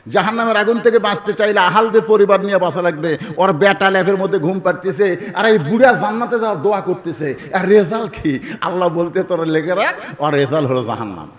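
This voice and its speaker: A high-pitched man with a Bangladeshi Bengali accent delivers a sermon over a sound system. His voice rings through a long, echoing hall. He shifts from loud shouts to low murmurs and keeps calling on the crowd to answer louder. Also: a little fast. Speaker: preacher.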